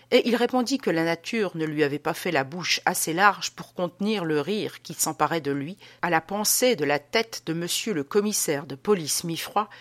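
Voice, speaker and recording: A woman with a slightly low voice reads a classic novel as an audiobook. Her narration is measured and expressive, shaping each sentence with care.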